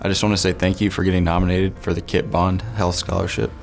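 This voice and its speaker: Deep gravelly man, flat and chatty. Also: fast talker. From Southwest Missouri. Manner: relaxed, chatty, many fillers. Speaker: dental worker, scholarship nominee. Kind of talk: interview. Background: soft background music.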